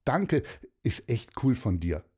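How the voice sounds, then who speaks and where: A man voicing a grateful young girl in a storybook, speaking softly. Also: mid-range voice, big pitch swings, takes it slowly, husky, full character voice.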